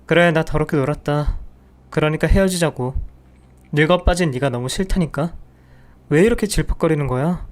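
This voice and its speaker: A man's voice: a little high, moderate pace, lightly acted. A man voicing a cold, contemptuous husband who insults and dismisses his wife. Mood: scornful. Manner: scornful, dismissive.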